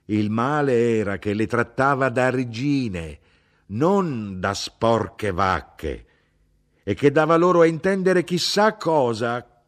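A man reading the part of a blunt, indignant middle-aged mother who talks in a sharp, insistent way. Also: lively intonation, slow pace. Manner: sharp, insistent, rising in pitch.

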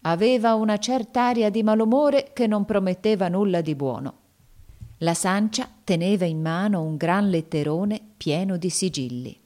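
A woman narrating a children's story aloud in a measured, expressive way. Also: medium pitch. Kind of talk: storybook reading.

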